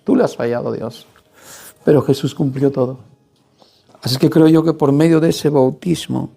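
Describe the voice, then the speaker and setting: A male preacher delivering a sermon with a gravelly, low-toned warmth in his voice. He pushes his points hard and keeps checking in with the listeners through quick questions. Faint music plays softly behind him. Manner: emphatic, asks the congregation rhetorical questions.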